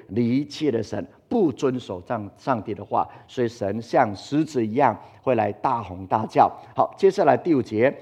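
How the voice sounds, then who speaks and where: A male pastor preaching a sermon, emphatic and full of rhetorical questions to his congregation. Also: medium pitch.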